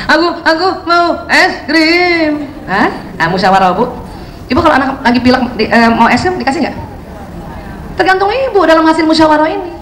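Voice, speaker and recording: A woman speaker giving a lively parenting seminar, chatting with her audience and often asking them questions. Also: sits high, slight background noise. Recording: roomy hall sound, faint ambience.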